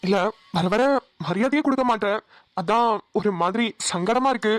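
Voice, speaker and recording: A woman doing a gentle young husband. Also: mid-range voice, normal speed, no room sound, close to an everyday voice. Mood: coaxing. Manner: soft, coaxing, apologetic. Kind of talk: cartoon voice acting.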